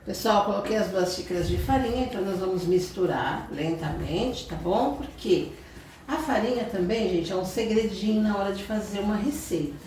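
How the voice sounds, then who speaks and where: A Brazilian woman hosts a cooking channel lesson at home, speaking in a medium-pitched, darkish voice at a moderate pace with a Brazilian Portuguese accent. She explains every step in a chatty manner, regularly checking in with viewers. The kitchen audio echoes, sounds far off, and has slight background noise.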